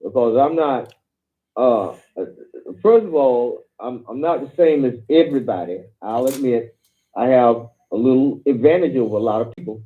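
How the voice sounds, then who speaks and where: A male caller on a talk show, telling stories in a rambling, halting way with many fillers. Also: mid-range voice, lively intonation. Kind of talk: phone-in talk. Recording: tinny phone line.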